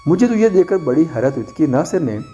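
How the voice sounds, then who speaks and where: A man voicing an ill, worried young village woman who speaks softly and wearily, in a storybook reading. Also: a little high, very animated, faint music behind. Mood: anxious. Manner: soft, tired pleading.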